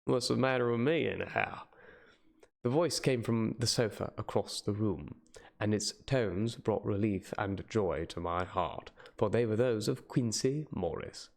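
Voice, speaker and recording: A man's voice: on the low side, unhurried. A man narrating a classic novel as a hammy dramatic reading, sometimes stumbling and going back over phrases. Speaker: reader. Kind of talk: dramatic audiobook-style narration.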